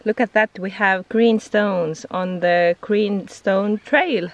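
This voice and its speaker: A woman's voice: medium pitch, fairly even intonation, takes it slowly. Easygoing woman vlogging on a hiking trail. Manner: chatty, easygoing, laughs between remarks. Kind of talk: casual vlog chat to camera. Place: outdoors on a mountain hiking trail and at a hut.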